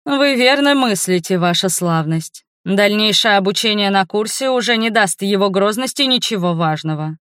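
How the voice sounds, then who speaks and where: A woman reading the lines of a formal male academy rector in an audiobook, in a measured, official way. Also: mid-range voice, expressive, fairly bright tone, no room sound, clean studio sound, close to an everyday voice. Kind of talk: audiobook narration.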